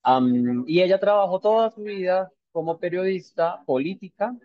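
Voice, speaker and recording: A man's voice: high voice, normal speed, no echo. Thoughtful man presenting to a book club. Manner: thoughtful, hesitant, with many fillers and tag questions. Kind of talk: informal book discussion talk. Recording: dull lo-fi sound.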